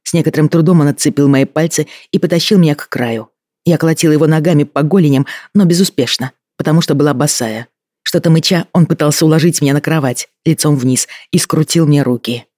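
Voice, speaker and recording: Man narrating an audiobook, slightly high. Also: fast, darkish tone, dry recording, studio quality. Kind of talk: scripted first-person narration.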